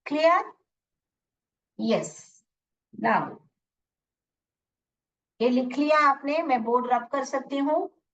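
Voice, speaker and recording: A woman with an Indian accent teaches phonics online, slow and careful, often checking whether the class is following. Her slightly high voice sits a little far from the mic, and the sound is dull and muffled. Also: fairly bright tone. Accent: Indian English. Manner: patient, repeats and checks understanding. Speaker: English teacher.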